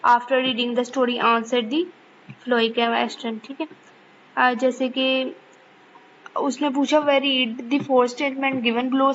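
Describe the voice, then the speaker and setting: A woman's voice: high-pitched, fairly bright tone, highs cut off, a little hiss or hum. A woman teacher, explaining a lesson to students and checking in with them again and again. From Pakistan. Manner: keeps checking in with the class, repeats points patiently. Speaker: online course teacher.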